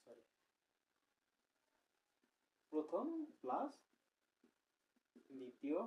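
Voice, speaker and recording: A man's voice: on the high side, very animated, takes it slowly, a little mellow, recorded from a distance, poor audio. A young man teaching a recorded chemistry lecture, explaining step by step and asking the class questions, correcting himself as he goes.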